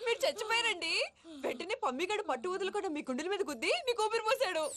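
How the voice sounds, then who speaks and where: A melodramatic housewife. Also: female voice, very high voice, expressive, very fast, heavy background noise. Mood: fretful. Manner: fussy and melodramatic. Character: fussy, emotional middle-aged housewife. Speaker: mother and wife. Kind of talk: comic film dialogue.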